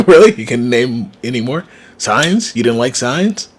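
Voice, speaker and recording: A man's voice: medium pitch, expressive, unhurried, husky. A man co-hosting a podcast in casual chat, teasing his partner and sticking up for his own opinions. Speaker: podcast co-host.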